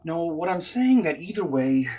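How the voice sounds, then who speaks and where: A husky, defiant burnt-out counselor. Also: male voice, a little high, big pitch swings, normal speed, darkish tone. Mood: confrontational. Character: burnt-out, cynical male hotline counselor. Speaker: crisis hotline counselor. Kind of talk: film drama acting.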